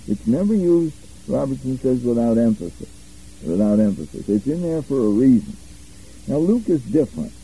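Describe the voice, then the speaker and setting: An older man giving a Bible study lecture, explaining Greek grammar step by step and repeating key phrases to make them clear. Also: mid-range voice, dark tone, poor audio. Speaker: Bible teacher.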